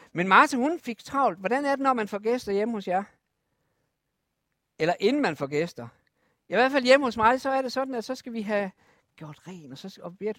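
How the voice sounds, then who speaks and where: A preacher telling a Bible story to children, lively and asking the listeners questions. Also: medium pitch, dry recording, clean studio sound.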